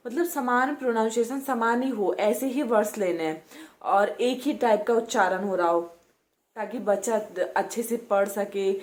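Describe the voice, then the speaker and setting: A young woman tutor casually explaining how to teach children reading, slowly sounding out English words letter by letter, with many fillers and repetitions. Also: medium pitch, a little mellow. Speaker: home tutor.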